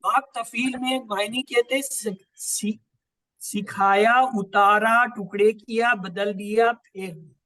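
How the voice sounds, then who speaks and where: A man's voice: high-pitched, steady tone, sharp tone, no room sound. A man teaching a class, patiently explaining and repeating lists of words. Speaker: Quran grammar teacher. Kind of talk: online class lesson.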